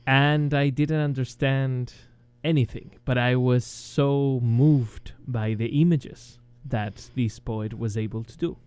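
A man's voice: medium pitch, steady tone, slow pace, hardly any pauses, smooth, dry recording. A man from Chile with a Chilean Spanish accent, a guest speaking English as a second language in an interview over a video call, with many ums and restarts. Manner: hesitant, many ums and restarts, chuckles softly. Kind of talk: interview, casual chat.

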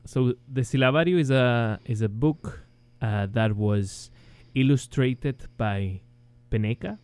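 Slow, hesitant Chilean-accented man. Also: mid-range voice, clean tone, dry recording. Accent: Chilean Spanish. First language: Spanish. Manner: hesitant, many ums and restarts, chuckles softly. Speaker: guest. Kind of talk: interview, casual chat.

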